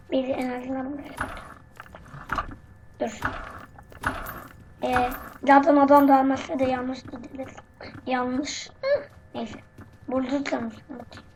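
A gaming channel host with a hoarse, sick voice commentating on gameplay, jumping between excited bursts and mumbled asides. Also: sits high. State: hoarse from illness. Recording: dull lo-fi audio with background noise.

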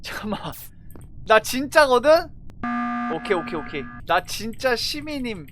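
A woman chatting excitedly while playing a game, grumbling and exclaiming in blunt slang with stifled giggles breaking into her words. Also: on the high side, moderate pace, noisy background. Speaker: gamer commentating her own play. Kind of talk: excited casual Among Us gameplay chat.

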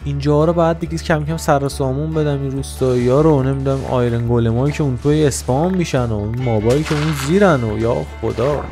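A man hosting a casual gaming session, narrating his build in an excitable, teasing way and bossing around the creatures in the game. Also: mid-range voice, few pauses, over music. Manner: excitable, teasing, chatters to the game's animals and villagers. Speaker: gaming channel host. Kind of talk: casual let's-play commentary.

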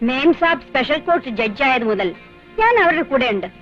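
An actress playing a housekeeper from Delhi, plainly answering an officer's questions. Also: female voice, high voice, lively intonation, a little fast, a bit bright, soft background music. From Delhi, India. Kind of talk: 1990s film dialogue. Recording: dull lo-fi film soundtrack.

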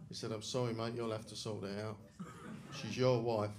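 A middle-aged man with a London accent doing a deadpan, self-deprecating stand-up set on a club stage, speaking into a handheld mic. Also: fairly low pitch, normal speed, a crowd in the background. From England. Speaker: stand-up comedian. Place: comedy club stage with a live audience. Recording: loud audience laughter in a club.

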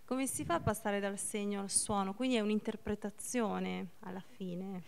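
A woman in the audience of a library lecture asks her question. Her voice is gravelly, and she hesitates, stopping and starting with many fillers. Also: mid-range voice, fairly even intonation, normal speed, a little mellow, a little hiss or hum. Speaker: audience member asking a question. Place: public library event hall.

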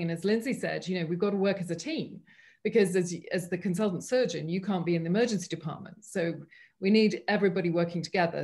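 A woman's voice: mid-range voice, darkish tone. A woman speaking earnestly as a panelist in a medical webinar over a video call. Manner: thoughtful, earnest, frequent restarts.

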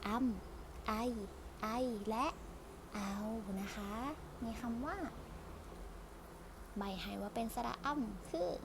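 A woman teacher giving a patient lesson to young children, sounding out each vowel slowly and repeating it. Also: mid-range voice, expressive, creaky, noisy background.

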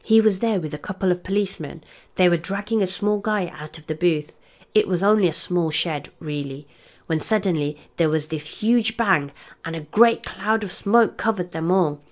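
A woman's voice: fairly low pitch, moderate pace, close to an everyday voice. A woman voicing a cocky schoolboy who teases his friends, in a playful manner. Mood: secretive. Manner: playful and teasing.

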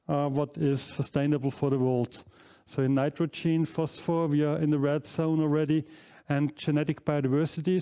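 A man in his forties with a fairly high, warm and smooth voice gives his inaugural lecture as a professor. English is not his first language, and he presents slides in a large university hall through a headset mic, using frequent fillers and self-corrections.

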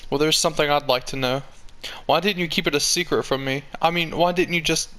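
A man's voice: on the high side, fairly even intonation, fairly quick, pushed and bright. Man playing a wounded, hammy male fox. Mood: wounded, resigned. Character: wounded, earnest, embittered male fox partner. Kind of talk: dramatic reading of a comic.

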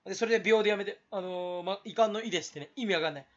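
A man from Kanto rambling alone as a YouTuber, goofing around in a put-on Kansai dialect and jumping between quiet mutters and loud outbursts. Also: high voice, very fast, muffled recording. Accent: put-on Kansai dialect over Kanto speech. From Kanto, Japan. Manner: goofy, jumpy, abrupt swings in loudness. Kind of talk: rambling solo chat.

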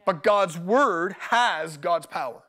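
A man with a high, bright-sounding voice preaches at a live church service. He talks with energy and humor, repeating his main lines so they stick. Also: takes it slowly. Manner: energetic, joking, repeats key phrases. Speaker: pastor. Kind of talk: live sermon with personal stories.

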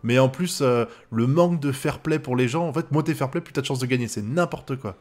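A man's voice: medium pitch, fairly quick, darkish tone, faint music behind. A man from France giving live reaction commentary on an anime episode, swearing often and breaking into laughter.

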